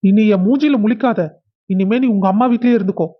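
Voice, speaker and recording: A man's voice: sits high, fast. A man acting an angry husband who harshly scolds his wife. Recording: dull lo-fi sound.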